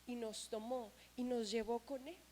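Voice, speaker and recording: A woman preacher telling a story within a sermon, stressing words loudly and then dropping to quiet. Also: on the high side, fairly even intonation, unhurried, a little hiss or hum. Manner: emphatic, swinging between loud stresses and quiet drops.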